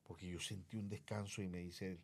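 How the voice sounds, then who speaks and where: A man's voice: low-pitched, level tone, fairly quick, vocal fry, darkish tone. A man telling his personal testimony as an interview guest, vividly acting out remembered dialogue. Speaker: guest sharing his life story.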